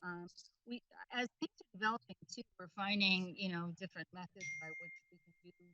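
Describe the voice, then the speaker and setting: A woman's voice: fairly low pitch, brisk, background noise. Woman on a glitching call. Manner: conversational, many fillers. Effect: audio breaking up, dropping out. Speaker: library director. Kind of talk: video-call board meeting report. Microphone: computer or phone on a video call. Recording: dull, glitchy video call line.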